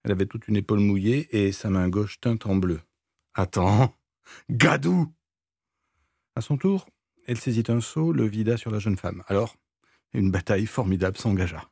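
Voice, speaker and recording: A man reading a classic novel aloud with measured, expressive storytelling. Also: fairly low pitch, husky, no room sound, clean studio sound. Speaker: reader.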